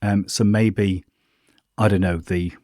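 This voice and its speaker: A man hosting a casual question-and-answer video, chatting informally and thinking aloud while he demonstrates software. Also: fairly low pitch, steady tone, slow, no room sound, clean studio sound. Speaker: host answering viewer questions. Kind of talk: casual screen-share walkthrough.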